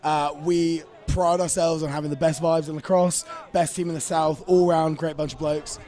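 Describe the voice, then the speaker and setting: A young English man with a fairly high voice, chatting through live sports commentary in an upbeat, slangy way. He's recorded outdoors beside a playing field, talking easily with a co-host. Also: level tone, moderate pace, mellow. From England.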